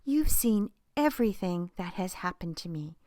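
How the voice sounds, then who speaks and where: Woman reading as a calm, gentle Jesus. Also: lowish voice, normal speed, no echo, clean studio sound, lightly acted. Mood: earnest. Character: Jesus, a grown man, calm and reassuring. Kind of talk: children's storybook reading.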